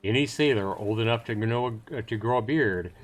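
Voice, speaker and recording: Speaking close to his everyday voice, a man keeps a lowish pitch and moderate pace as a salesman-like seafaring trader. The character tells sea yarns theatrically and cajolingly over music, a dramatic storytelling style with a boastful, suspenseful mood.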